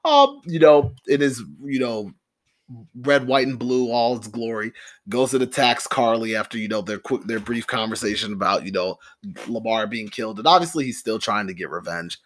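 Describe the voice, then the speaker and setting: A young man co-hosting a casual podcast, animated and loose. His voice leaps up when he gets excited, and he leans on filler words as he talks. His speech stays relaxed and conversational throughout. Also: medium pitch, normal speed. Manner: animated, laughing, filler-heavy. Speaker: podcast co-host.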